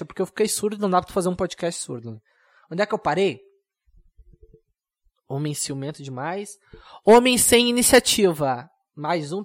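A young man hosting a comedic solo podcast, rambling and mocking himself in a deadpan way. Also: high-pitched. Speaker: podcast host.

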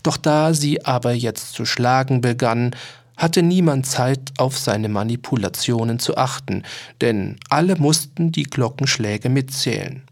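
A man reading a story aloud as an audiobook narrator, in a measured, theatrical way. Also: mid-range voice, creaky. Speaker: audiobook reader.

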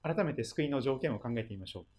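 A pastor preaching a sermon and retelling the story, often letting phrases trail into a hush. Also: mid-range voice, lively intonation, quick pace.

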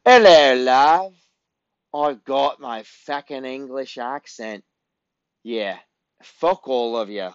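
A man's voice: medium pitch, slow, long pauses, clear, resonant tone, no echo, pitched above the performer's own voice. A man putting on a mocking fake English accent, playing a smug, profane Englishman in a dull lo-fi recording. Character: mock posh English man, smug and sneering.

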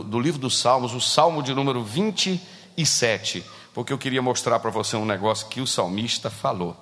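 A pastor with a Brazilian Portuguese accent preaching a sermon in a church, animated and rising to shouts. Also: male voice, medium pitch, long reverb tail.

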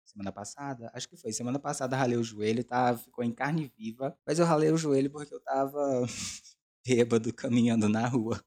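A man's voice: medium pitch, fairly quick, darkish tone. A Brazilian man in his twenties chatting casually as a podcast host, with a campy, self-mocking, slangy manner. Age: 20s. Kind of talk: casual confessional chat.

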